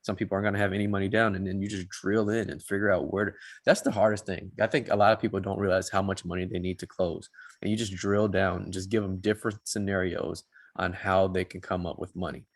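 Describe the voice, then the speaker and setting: A man's voice: sits low, flat delivery, fast talker, dry recording, clean studio sound. A man who works as a mortgage loan officer, giving blunt, folksy advice with lots of restarts in a casual panel chat.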